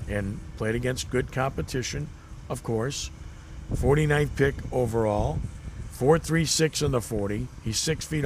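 A man's voice: mid-range voice, vocal fry, noisy background. A man hosting sports talk radio, analyzing a draft pick. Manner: conversational, analytical.

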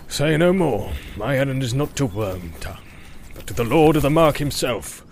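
A man voicing a stern old male wizard, speaking in a measured, grave, commanding way. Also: mid-range voice, lively intonation, slight background noise, lightly acted.

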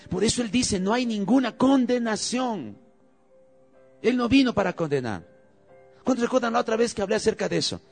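A man's voice: a little high, a little mellow. A man preaching a sermon as pastor, calling out questions to the congregation and leading prayer with rising emphasis.

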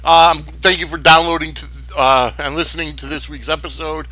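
A man's voice: a little high, fairly even intonation, moderate pace, sharp tone. A man hosting a sports podcast solo, talking casually in a rambling, opinionated way. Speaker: sports wrestling podcast host.

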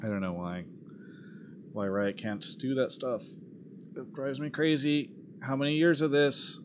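In dull lo-fi audio with clear background noise, a man hosts an esports call-in show live. His mid-range voice stays steady and a little slow as he chats bluntly and casually, with some cursing and exasperation.

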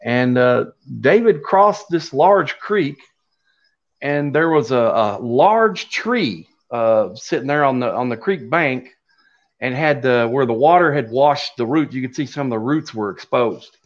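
A man's voice: mid-range voice, animated. Middle aged kentucky guy w appalachian accent, folksy rambling storytelling, kinda dull lo-fi sound. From Kentucky, USA. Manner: folksy, halting, unhurried telling. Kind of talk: casual oral storytelling. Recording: dull lo-fi audio.

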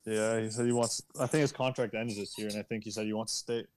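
A man's voice: lowish voice, little pitch movement, fast, a little mellow. A man in a casual sports debate, stubborn and opinionated, repeating himself to make his point.

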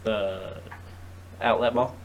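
A man's voice: on the low side, steady tone, slow. A man hosting a casual podcast, joking around and chatting loosely with a friend. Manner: joking, playful, jumps into silly voices. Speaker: podcast host. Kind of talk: casual chat. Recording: noisy home recording.

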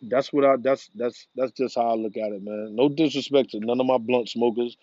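Talking briskly in a steady, slightly mellow mid-range voice, a man vlogs a loose monologue about smoking, full of slang and swearing in a laid-back way. There's no room sound and the audio is dull.

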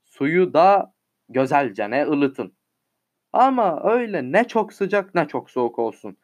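A man's voice: fairly high pitch, big pitch swings, slow. A man reading a humorous satirical story aloud, in a dry, wry manner, on a muffled lo-fi recording.

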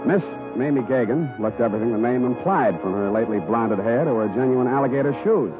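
A man's voice: mid-range voice, a little fast, music in the background, natural voice. A man plays a hard-boiled detective in a 1940s radio play. He is sardonic and world-weary, forever wisecracking. The recording is old and tinny. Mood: dry narrating. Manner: wry, sardonic. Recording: tinny vintage radio broadcast.

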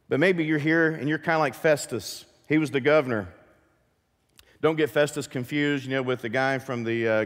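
A pastor preaching a sermon to his church, lively and full of questions to the congregation. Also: mid-range voice, in a large hall. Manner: animated, asks the congregation many questions. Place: church sanctuary.

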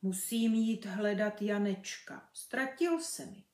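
A woman's voice: medium pitch, animated, a little mellow, close to an everyday voice. Woman reader putting on a little naughty boy: unsure, frowning, echoey. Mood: puzzled. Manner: frowning, hesitant. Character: small naughty boy, puzzled and stubborn. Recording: echoey room.

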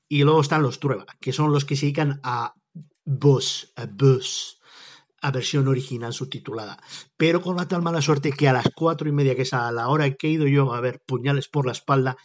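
A man's voice: medium pitch, steady tone, normal speed. Chatty, jokey man rambling. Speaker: podcast host. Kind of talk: casual rambling monologue.

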